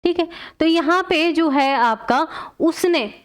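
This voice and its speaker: A woman's voice: sits high, slow. A woman teacher explaining exam questions step by step, checking in often with her class.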